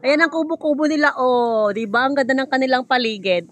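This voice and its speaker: Chatty bright-voiced woman vlogging outdoors. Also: high-pitched, fairly quick, no echo. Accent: Filipino. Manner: chatty, laughs often, addresses viewers as guys. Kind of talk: casual vlog walkthrough. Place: outdoor rural yard.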